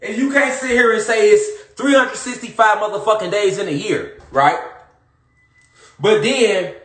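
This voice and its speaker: In an echoey room, a male social media commentator delivers a casual monologue straight to his audience, swearing, emphatic, and repeating himself over and over. His voice is high and his pace measured.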